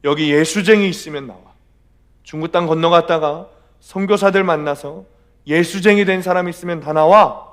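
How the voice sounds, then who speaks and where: A male pastor acting out an angry prison guard who yells harsh commands during a sermon story. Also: mid-range voice, brisk, few pauses, lightly acted. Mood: yelling.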